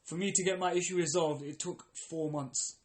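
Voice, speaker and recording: A man's voice: on the high side, fairly even intonation, normal speed, slight background noise. A young man co-hosting a podcast, chatting casually and acting out phone calls in exaggerated voices, swearing freely. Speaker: podcast co-host. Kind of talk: casual chat.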